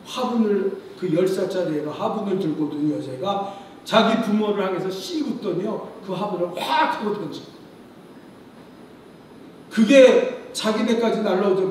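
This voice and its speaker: A man's voice: high-pitched, darkish tone, slight background noise. A male pastor preaching a sermon, telling stories emphatically and often prompting the congregation for a response. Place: church sanctuary. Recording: very echoey church hall, distant mic.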